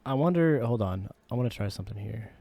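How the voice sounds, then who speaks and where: A man's voice: fairly low pitch, lively intonation, fast. A man vlogging about producing his own song, talking in a laid-back, slangy, chatty way. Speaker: music producer and singer. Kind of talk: casual vlog talk.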